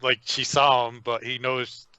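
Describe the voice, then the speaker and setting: A man's voice: mid-range voice, level tone, unhurried, pushed and bright, clean tone, dry recording. A man playing a tabletop game, talking casually and hesitantly. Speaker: player. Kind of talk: tabletop role-play chat.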